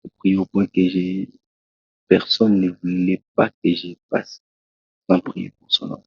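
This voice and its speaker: A Congolese preacher, a man, tells his testimony in an interview, slowly and haltingly, with many restarts. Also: sits low, little pitch movement, creaky, husky, no echo. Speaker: preacher, guest. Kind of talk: testimony in a talk show interview. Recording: dull, lo-fi dry sound.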